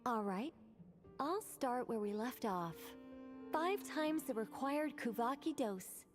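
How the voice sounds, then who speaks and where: An actress playing a composed, formal young mage examiner in a video game, speaking politely and with confidence. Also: female voice, a little high, lively intonation, music in the background. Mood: businesslike. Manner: measured, polite, instructing. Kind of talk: English video game voice acting.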